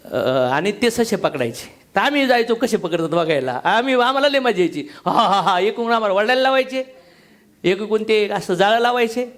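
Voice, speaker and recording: A man's voice: very high-pitched, fairly bright tone. A man giving a motivational business seminar talk to a live audience, blunt and slangy, joking and firing questions at the crowd.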